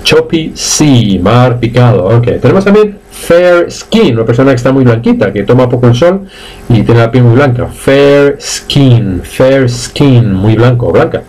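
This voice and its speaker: Spanish male English teacher, animated pitch, rattles off explanations, slows right down on each English word. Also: rough recording. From Spain. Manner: switches between quick Spanish explanations and slow drawn-out English words. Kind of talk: live online English lesson.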